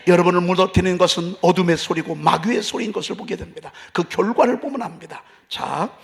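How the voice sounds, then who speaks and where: A man preaching a sermon as pastor, passionate, moving from hushed talk to loud outbursts. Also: high-pitched, fairly quick, gravelly. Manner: impassioned, swings from hushed to shouting.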